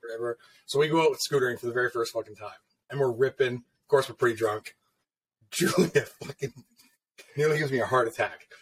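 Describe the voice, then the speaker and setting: A man co-hosting a casual podcast chat, telling stories in an animated way, swearing freely and laughing often. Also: medium pitch, brisk, slightly rough. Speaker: podcast co-host, tattoo artist.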